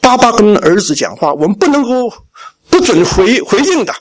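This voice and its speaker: Animated, high-voiced preacher from Shandong. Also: male voice, moderate pace. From Shandong, China. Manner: storytelling, acting out family dialogue. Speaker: pastor. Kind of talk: sermon testimony.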